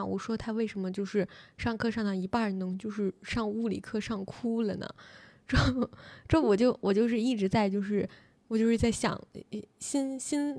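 Fast-talking young woman, casual chat. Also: medium pitch, dark tone, no room sound. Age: young adult. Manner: rapid storytelling with many fillers. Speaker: podcast host.

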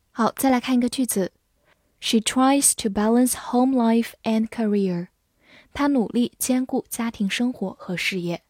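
In a scripted English vocabulary lesson, a woman spells each word letter by letter and reads example sentences slowly. Her voice is a little high and a little mellow, and the recording is dry with clean studio sound.

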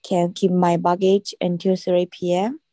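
A woman's voice: fairly low pitch, flat delivery, normal speed, mellow, no echo. A woman student on a video call reading English practice sentences, carefully repeating words to fix her pronunciation. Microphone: computer mic on a video call.

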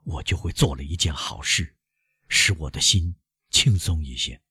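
A man's voice: extremely low pitch, animated, moderate pace, pushed and bright, husky, no room sound, studio quality, exaggerated voice. A man voicing an anguished, guilt-ridden middle-aged male prosecutor in an audiobook, with frantic, self-accusing outbursts. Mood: brooding resolve. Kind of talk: audiobook character voice.

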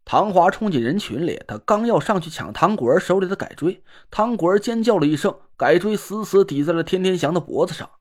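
A man narrating a first-person story in a colloquial, wry, animated way. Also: high voice, a little fast, few pauses.

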